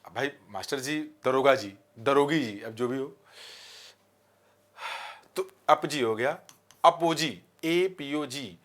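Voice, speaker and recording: A man's voice: medium pitch, a bit bright. Male teacher explaining word tricks. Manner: explains with rhetorical questions, repeats words slowly. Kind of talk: vocabulary lesson with mnemonics.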